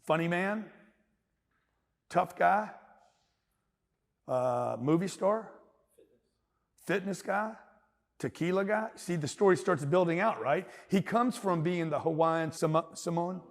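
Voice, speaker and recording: A high-pitched Southern man from Louisiana, in his fifties, works a seminar crowd as a business mentor. His delivery is loud, emphatic and rambling, with jokes thrown in. A long reverb trails his words through a large hall. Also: slow pace, creaky, pauses often. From Louisiana, USA. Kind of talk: live seminar talk.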